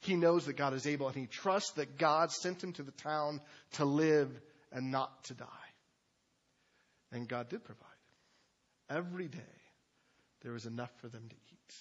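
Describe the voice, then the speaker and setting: A man's voice: mid-range voice, normal speed, dull audio. A man preaching a sermon as pastor, talking in a conversational way with loose asides and fillers. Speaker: pastor teaching a sermon series.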